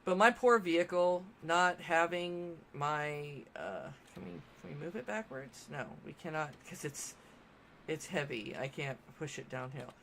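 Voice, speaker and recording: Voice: medium pitch, expressive, a little slow, vocal fry, a bit bright, slight background noise. A game streamer giving casual gameplay commentary, chatty and thinking aloud while building.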